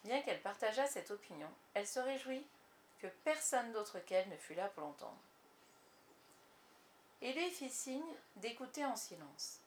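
A woman narrating a storybook in a measured, even reading voice. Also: fairly high pitch, a little hiss or hum.

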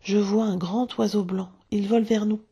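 A woman voicing an astonished young boy from a storybook, with a husky, gravelly voice. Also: medium pitch, fairly even intonation, dark tone, highs cut off. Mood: amazed. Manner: amazed, slow.

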